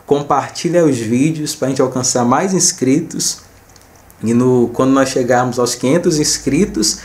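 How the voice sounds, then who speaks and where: A man's voice: medium pitch, a little mellow. Brazilian man casually narrating his screen. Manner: addresses viewers informally, repeats himself. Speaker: host of a small gaming video channel.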